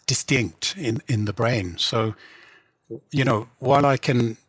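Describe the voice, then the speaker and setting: Speaking in a mid-range, fairly bright, husky voice, this middle-aged translator and novelist from England talks casually in an interview. He keeps restarting and leaning on "you know" fillers, so his delivery comes out halting. There's no echo on the track.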